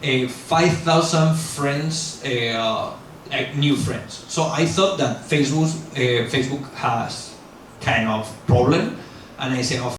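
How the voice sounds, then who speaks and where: A middle-aged man with a medium-pitched voice, not a native English speaker, talks slowly as a guest at a university lecture. His casual talk with Q&A rambles loosely, full of fillers and self-corrections, and he's blunt and self-mocking. The recording comes from a large, very echoey lecture hall, with a distant mic and faint hiss.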